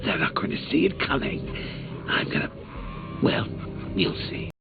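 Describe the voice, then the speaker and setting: An actor playing a gleefully sadistic, taunting clown villain in a video game, with a gravelly voice and a mocking, theatrical delivery. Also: male voice, big pitch swings, normal speed, phone-quality sound, over loud music. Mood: scheming glee. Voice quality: gravelly, creaky voice with shrill swoops.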